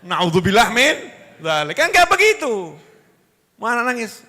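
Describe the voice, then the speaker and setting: A male preacher with a Javanese accent giving a lively sermon, acting out the people in his stories with sudden changes of voice. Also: high voice, unhurried, long reverb tail. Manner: animated storytelling, acting out quoted characters with dramatic voice shifts.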